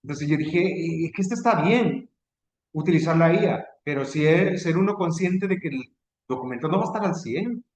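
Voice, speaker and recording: Salvadoran male trainer on a video call, chatty lecturing tone, slightly raised pitch, roomy echo. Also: expressive, moderate pace, a little mellow. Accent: Salvadoran Spanish. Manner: conversational, checks in with rhetorical asides. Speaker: teacher leading a training session. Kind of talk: online lecture.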